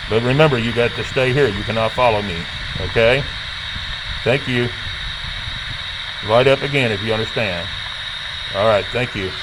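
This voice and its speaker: Guy out in a cemetery talking to spirits and viewers, ordinary mid pitch, really loud background noise. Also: normal speed, pauses often. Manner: repeats simple questions and commands. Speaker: paranormal investigator hosting a spirit box session. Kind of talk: addressing spirits and viewers on location. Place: outdoors in a cemetery. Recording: very noisy outdoor field recording.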